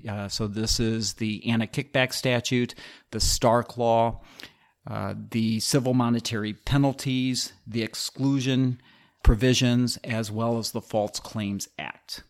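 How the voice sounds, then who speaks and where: A man hosting a solo podcast, explaining healthcare law in a methodical, explanatory way with occasional restarts. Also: medium pitch. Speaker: podcast host, healthcare attorney.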